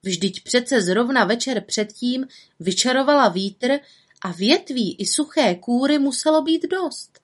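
A woman reads a children's story aloud, her voice a little higher than most. Her narration is gentle and even, guiding the listener through the tale. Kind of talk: storybook reading.

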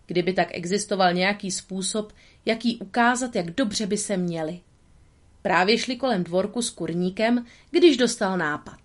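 Woman reading a storybook calmly. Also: mid-range voice. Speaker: narrator. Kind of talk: storybook narration.

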